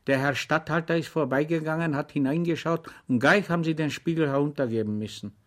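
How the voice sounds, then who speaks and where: A man reads an audiobook, voicing a cheerful, simple-minded soldier orderly in his natural voice, pitched a little high and pushed up, at a brisk pace. The character is eager and deferential, chatting earnestly and rambling through anecdotes.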